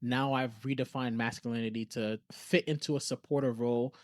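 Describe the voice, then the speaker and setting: In a studio-quality recording with no room sound, a podcast co-host speaks at medium pitch with a steady tone and brisk pace. His manner is reflective and conversational as he earnestly explains and thinks out loud.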